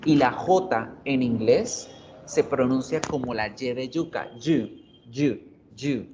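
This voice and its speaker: A man teaching a beginner English class online, patiently explaining and repeating words slowly for his students. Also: mid-range voice. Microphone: computer mic on video call. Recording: dull audio with faint noise.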